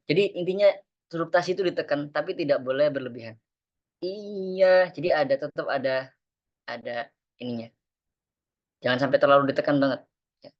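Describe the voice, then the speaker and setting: A man teaching Quran recitation in an online class, explaining patiently and chanting verses slowly. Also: a little high, dull audio.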